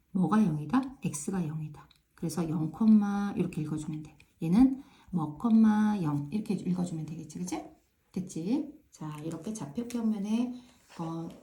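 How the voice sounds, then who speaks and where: Casting: woman math tutor, low-ish, very mellow tone, casual chatty lesson, keeps checking in with students. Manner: frequent tag questions checking understanding; repeats filler "ja" to pace steps. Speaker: math teacher.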